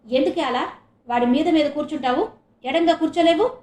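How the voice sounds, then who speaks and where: An anxious, short-tempered mother who scolds in sharp, raised bursts, as a woman narrator puts her on. Her voice sits fairly high and rings in a roomy space. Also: normal speed, natural voice. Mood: angry. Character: irritable anxious middle-aged mother.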